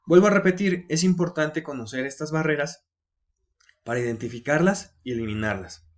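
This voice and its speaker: A man's voice: on the high side, normal speed. A man teaching a recorded online business class, explaining in a conversational way with fillers and frequent restarts.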